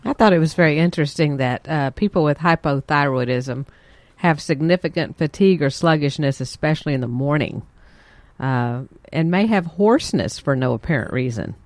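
A woman co-hosting a health talk, explaining symptoms in a measured way. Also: deep voice, lively intonation, no room sound. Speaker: co-host.

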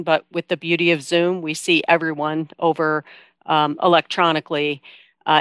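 A woman's voice: sits low, fairly bright tone, clear, resonant tone, no room sound. A woman giving informal, explanatory answers as a guest in a conversational interview. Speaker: interview guest, veteran coordinator at a nonprofit.

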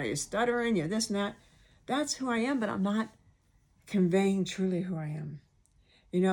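Woman, podcast host, soft unclear R's and S's, medium pitch, candid, rambling, informal solo talk. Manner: candid, rambling, acts out quoted remarks. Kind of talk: informal personal monologue.

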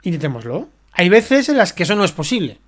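A man's voice: high-pitched, very animated, brisk, a bit bright. A man, a web consultant and guest in an interview, explaining at length with emphatic, rhetorical checks on the listener.

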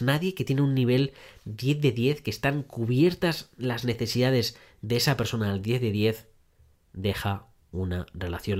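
A man hosting an advice podcast, talking straight to the listener in a mid-pitched voice. He hammers his points home with repetition. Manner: direct second-person address, repetitive emphasis. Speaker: podcast host. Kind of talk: relationship advice monologue.

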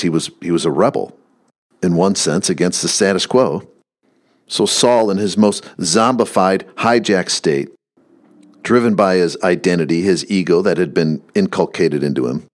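A man giving a sermon-style talk on scripture, reflective and repeating words for emphasis. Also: low voice. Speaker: speaker teaching on scripture.

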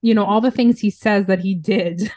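A woman's voice: mid-range voice, moderate pace, darkish tone. A woman hosting a podcast in casual chat, talking loosely with lots of "um" and "like" and frequent laughter. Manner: chatty, laughs often, many fillers like "um" and "like". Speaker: podcast host.

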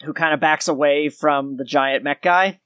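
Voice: mid-range voice, steady tone, normal speed, a bit bright, no room sound, studio quality. A game master narrating a tabletop game in an informal, descriptive way.

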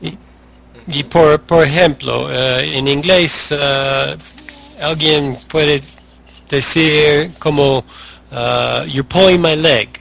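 Slow gravelly American man learning Spanish. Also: on the high side, steady tone, a bit bright. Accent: American English. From United States. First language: English. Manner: hesitant, questioning, short acknowledgements. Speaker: podcast co-host, learner. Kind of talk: casual podcast chat.

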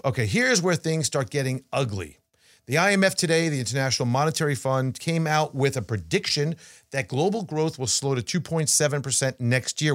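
A man co-hosting a casual podcast, talking in halting restarts and reading out news items. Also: medium pitch, dry recording, studio quality. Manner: halting restarts, animated, playful. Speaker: podcast co-host.

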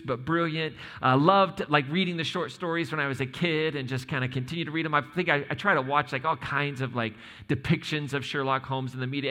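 Man, American accent, informal joking sermon, bright forceful voice, long hall reverb, audience questions. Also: mid-range voice. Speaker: lead pastor preaching. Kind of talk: conversational sermon to a congregation. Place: large church room. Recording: reverberant hall, live preaching.

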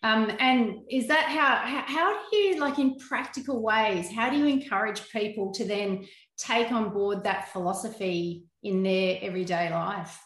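A woman's voice: mid-range voice, measured pace, fairly bright tone. A woman hosting an interview in a casual, conversational style. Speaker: interviewer, host. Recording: slightly echoey room.

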